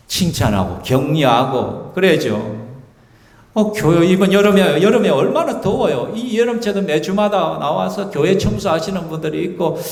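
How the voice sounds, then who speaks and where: A male pastor with a Busan Gyeongsang accent preaches in an emphatic way, often turning to the congregation with "right?" His voice sits high and moves widely up and down. It rings with the long reverb of a roomy church sanctuary. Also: gravelly, a little mellow. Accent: Gyeongsang Korean (Busan). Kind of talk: sermon. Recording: echoey church hall reverb.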